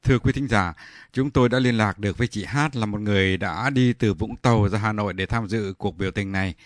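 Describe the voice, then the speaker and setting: Man, radio host, formal and polite, quick, dry studio sound. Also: lowish voice, dry recording. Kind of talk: radio phone interview.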